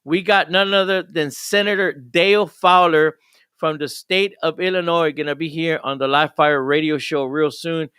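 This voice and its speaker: A man's voice: fairly high pitch, steady tone, moderate pace, sharp tone, smooth, dry recording, studio quality. An older man, a pastor hosting a live radio show, talking in an enthusiastic, rambling way with frequent restarts.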